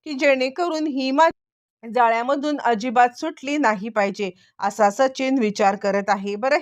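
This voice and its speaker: High-voiced woman narrating a story. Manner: running narration, linking scenes. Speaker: storyteller recapping a serial.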